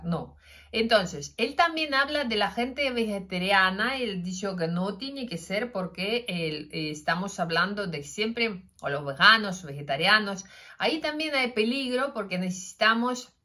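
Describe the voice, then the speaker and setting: Filming herself on her phone's front camera, a middle-aged woman with a Russian accent chats casually about health as a vlogger. Her voice sits at medium pitch, and she's animated, gesturing a lot and filling pauses with fillers and restarts. She's indoors in a plain room with a curtain behind her.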